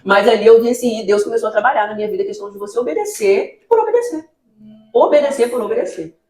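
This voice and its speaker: A woman's voice: fairly high pitch, animated, fast talker, darkish tone, echoey room. A Brazilian woman pastor telling her testimony in an interview, acting out her own dialogue as she tells the story. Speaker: pastor, children's ministry leader. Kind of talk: testimony in a church podcast interview.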